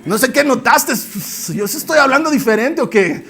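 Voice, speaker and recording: A man's voice: extremely high pitch, expressive, normal speed, bright, forceful tone, pitched above the performer's own voice, full character voice. A man preacher voicing an impulsive, hot-headed apostle who talks in a blustering, defensive way. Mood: evasive.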